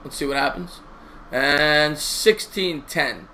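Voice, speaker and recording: A man's voice: on the high side, a little hiss or hum. A man co-hosting a live sports stream, calling plays and chatting casually about the game. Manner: excited play-by-play calls, quick agreeing interjections. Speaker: live stream co-host doing play-by-play.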